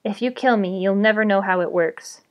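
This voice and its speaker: A woman's voice: medium pitch, normal speed, lo-fi sound, lightly acted. A woman voicing a frightened young male hero who pleads with his captor, read aloud from a novel. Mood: pleading.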